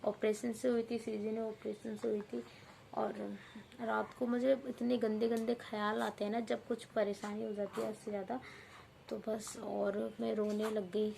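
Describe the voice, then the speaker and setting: Young mom vlogging, hoarse and a bit gravelly, teary, noisy room behind her. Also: a little high, flat delivery, a little slow. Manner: tearful, worried, talking softly to her baby. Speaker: vlogger and mother. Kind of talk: emotional home vlog.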